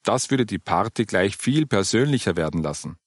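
A man reading the part of a calm older churchgoing woman who patiently explains her funeral plans. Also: lowish voice, normal speed, no room sound, studio quality. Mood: encouraging.

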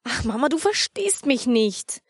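A woman's voice: sits high, very animated, measured pace, breathy edge, no room sound, studio quality, pitched above the performer's own voice, full character voice. A woman voicing a sulky young daughter who protests in a whiny, raised voice. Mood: indignant.

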